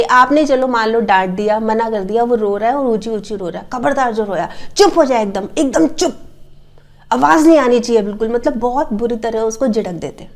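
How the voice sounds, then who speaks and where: A middle-aged woman talking earnestly to the camera as a parenting advice host, repeating her key points and acting out scolding parents. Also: high-pitched. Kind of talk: casual advice talk to camera.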